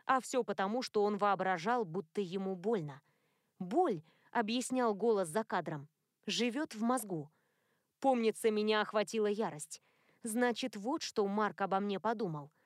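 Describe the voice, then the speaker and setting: A woman reading a first-person novel as an audiobook narrator, in a measured, intimate storytelling manner. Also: mid-range voice, no echo, studio quality.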